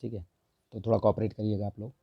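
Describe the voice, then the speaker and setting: Hoarse man teaching Hindi grammar. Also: on the low side, flat delivery, fast talker, no room sound, muffled recording. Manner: repeats "theek hai" constantly, corrects answers with mild humor. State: hoarse, sore throat. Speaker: exam prep teacher. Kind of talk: Hindi grammar lesson, going through a test.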